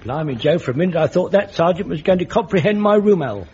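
An actor playing an over-keen, muddled army corporal with an English accent, stammering and repeating himself. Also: male voice, high voice, animated, quick pace, a little mellow. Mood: wary, muttering. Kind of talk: British sitcom acting. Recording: dull, very noisy old broadcast recording.

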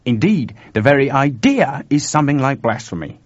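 A man voicing an urgent, excitable and worried male computer engineer in an audiobook story, speaking colloquially. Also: medium pitch, normal speed, no echo, pitched above the performer's own voice. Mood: animated, confiding. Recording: dull lo-fi dry recording.

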